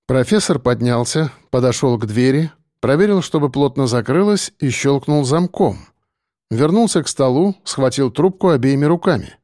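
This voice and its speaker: A man's voice: medium pitch, animated, normal speed, mellow, dry recording. Dry-voiced male audiobook narrator. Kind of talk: scripted narration.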